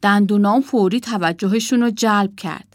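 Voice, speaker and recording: A woman's voice: medium pitch, no echo, clean studio sound, close to an everyday voice. A woman doing a boastful toy wolf. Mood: proud.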